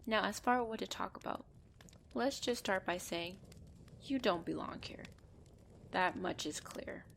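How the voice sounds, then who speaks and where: In an ASMR roleplay, a woman voices a possessive female centaur who is bossy, teasing and a half-gentle captor, bantering and giving commands with dry exasperation in a firm, conversational mood. Her mid-range voice is creaky and fairly bright, delivered at a measured pace over a little hiss or hum.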